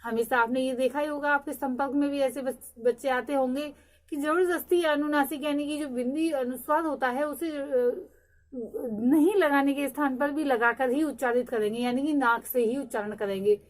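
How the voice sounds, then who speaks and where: Higher-voiced young woman teacher lecturing with steady explanations and frequent fillers. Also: normal speed. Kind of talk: recorded lecture.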